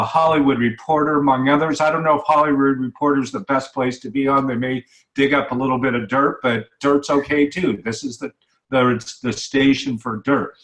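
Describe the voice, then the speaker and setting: A man hosts a radio interview show, speaking with a medium pitch and a fairly bright tone in a roomy-sounding space. He chats casually and conversationally, using lots of fillers and repeating his words.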